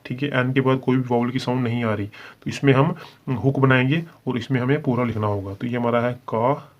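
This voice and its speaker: Fairly quick and fairly even in intonation, this medium-pitched man walks learners through a shorthand lesson step by step in a Hindi accent. He is patient and keeps checking in with a frequent "theek hai" (ठीक है), on slightly dull lo-fi audio.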